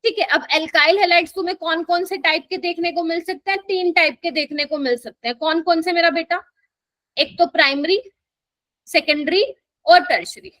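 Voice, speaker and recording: Brief: female classroom teacher, high-pitched, coaxing, keeps asking the class questions, dry recording. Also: normal speed, fairly bright tone, dry recording. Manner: coaxing, keeps quizzing students and calling them "my child". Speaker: chemistry teacher. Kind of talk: live classroom lecture.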